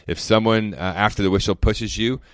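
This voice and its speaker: A former pro football player telling stories in a rambling, laid-back way, with lots of fillers. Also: male voice, lowish voice, fairly even intonation, fairly quick, dry recording. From Canada. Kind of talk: casual storytelling chat.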